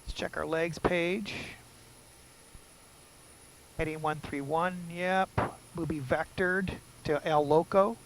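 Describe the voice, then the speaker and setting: A man's voice: a little high, fairly even intonation, takes it slowly, pauses often, a little hiss or hum, rough recording. A man giving casual, self-deprecating commentary, muttering to himself as he sets up a simulated flight. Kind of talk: casual commentary while doing cockpit setup.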